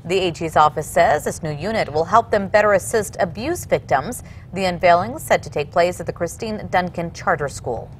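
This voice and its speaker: A woman's voice: fairly low pitch, lively intonation, brisk, slight background noise. A woman working as a news anchor, reading scripted television news stories.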